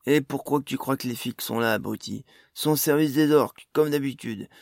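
A man's voice: medium pitch, fairly quick, creaky, dry recording, clean studio sound, natural voice. A man voicing a young male dwarf gang leader in an audiobook, speaking hard and curt with swearing. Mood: hard hostile. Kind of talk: audiobook character voice.

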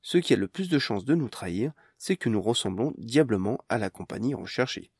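A man voicing a calm, learned magician in an audiobook, with a measured, formal and reassuring delivery. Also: medium pitch, breathy edge, no echo, clean studio sound.

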